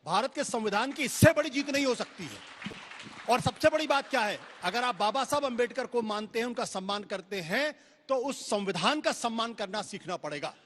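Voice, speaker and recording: A man speaking on a televised debate panel in a measured, speech-like way, repeating phrases for emphasis. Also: very high voice, expressive, a bit bright. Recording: reverberant hall sound.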